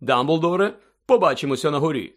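A man's voice: a little high, expressive, brisk, pitched above the performer's own voice, natural voice. A fussy, condescending minister, put on by a male reader in a raised, fretful voice. He soothes and talks down to others. A storybook figure. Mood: patronizing. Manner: fussing, condescending.

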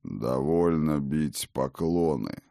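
A man voicing an imperious, hearty old god-king who talks in a slow, rumbling, commanding way. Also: lively intonation, creaky, warm tone, no echo, clean studio sound, heavily acted. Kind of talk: audiobook character reading.

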